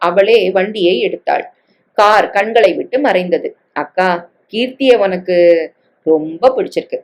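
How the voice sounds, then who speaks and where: A woman's voice: mid-range voice, a little mellow. A woman reading a Tamil family novel aloud. She shifts her tone to voice each character's dialogue. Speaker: story reader.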